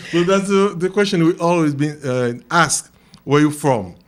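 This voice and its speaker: A man from Haiti co-hosting a talk show, who tells anecdotes in a jovial way and laughs at his own jokes. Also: a little high. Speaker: co-host.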